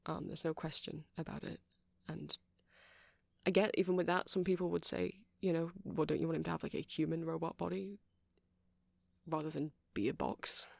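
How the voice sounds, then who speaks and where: In a clean, dry studio recording, a man voices an ASMR roleplay as a shy, earnest, nerdy male vampire who owns a music shop. His slightly high, creaky, somewhat mellow voice stays level at a moderate pace, and he stammers and rambles hesitantly with an earnest, defensive mood.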